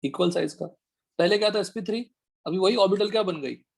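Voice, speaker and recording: A man teaching an online chemistry class, firing quick questions at his students to check they follow. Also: sits high, creaky. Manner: quizzing students with rapid questions. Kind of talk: online chemistry class, Hindi mixed with English.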